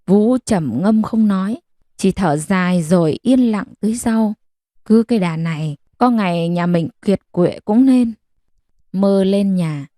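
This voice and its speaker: Woman, storyteller, calm bedtime narration, warm dark tone, dry. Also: mid-range voice, dry recording.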